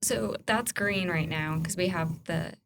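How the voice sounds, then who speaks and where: A woman's voice: on the low side, measured pace, creaky, noisy background. A woman co-hosting a podcast, chatting in a friendly, polite way during a ghost hunt inside a house. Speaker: podcast co-host.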